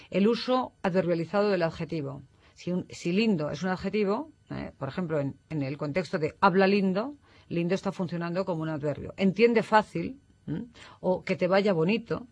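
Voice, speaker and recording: A man from Spain, explaining as an expert guest on a radio talk show, in a didactic manner that often tags statements with a questioning "no". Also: sits high. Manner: didactic, tags statements with "¿no?", corrects himself mid-sentence.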